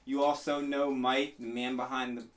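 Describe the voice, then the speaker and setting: A man's voice: mid-range voice, normal speed. A man hosting casual sports talk, slangy, joking and opinionated, chatting through a haircut. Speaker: host of a sports talk show. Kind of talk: casual banter and sports chat. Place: room during a haircut. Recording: steady electric razor buzz, ambient noise.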